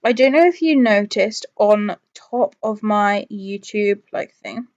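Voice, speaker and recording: A woman's mid-range, darkish voice comes through a muffled recording as she hosts a live stream. She's animated yet slow, rambling casually to viewers, thinking aloud and talking herself round.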